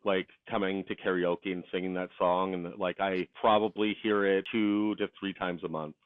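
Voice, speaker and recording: A man's voice: low voice, flat delivery, normal speed, smooth, no echo. Hesitant man on a tinny call line. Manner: hesitant, many ums and restarts. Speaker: podcast guest. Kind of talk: casual chat.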